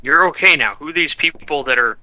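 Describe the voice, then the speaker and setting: A man's voice: fairly high pitch, lively intonation, brisk, pushed and bright, no room sound, poor audio. A man playing in a tabletop game, speaking eagerly and partly in character. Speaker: player. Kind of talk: tabletop role-play.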